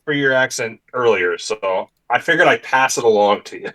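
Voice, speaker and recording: A man's voice: mid-range voice, lively intonation, moderate pace, sharp tone, rough recording. A man playing a tabletop role-play game, cutting in with apologetic, stammering remarks. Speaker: player.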